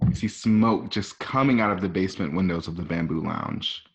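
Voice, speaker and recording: A man with a low voice reads scripted scene descriptions at normal speed, narrating stage directions for a radio play. The home recording sounds muffled.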